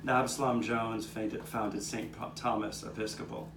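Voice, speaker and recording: In a lowish, fairly even voice at normal speed, lightly acted, a man narrates a puppet show as a 19th-century Philadelphian earnestly remembering his neighbors' hardships. The scripted first-person story occasionally trips him up. It was recorded live in an outdoor courtyard on a distant mic, roomy and with noticeable background noise.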